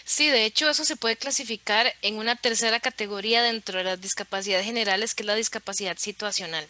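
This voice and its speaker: Bright-voiced woman explaining accessibility. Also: mid-range voice, fast talker. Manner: clear, didactic, explains with examples. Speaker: podcast guest on accessibility. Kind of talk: explanatory interview talk.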